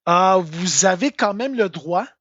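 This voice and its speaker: A man's voice: high voice, animated, unhurried, fairly bright tone, no echo, dull audio. A man with a Québécois French accent answering tax questions live, informal and full of fillers.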